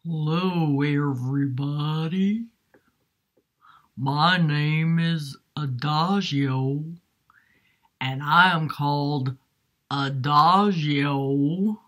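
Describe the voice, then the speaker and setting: A woman puts on a slow, easygoing music character for a children's lesson. The voice is low and moves at a crawl, stretching every word. The tone stays bright. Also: heavily acted. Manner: drawn-out, unhurried. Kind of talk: puppet-style music lesson.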